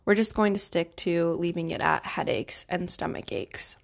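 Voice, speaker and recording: A woman's voice: on the low side, steady tone, moderate pace, gravelly. A young adult woman hosting a solo self-help podcast, giving advice in a tidy, organised way. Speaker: podcast host.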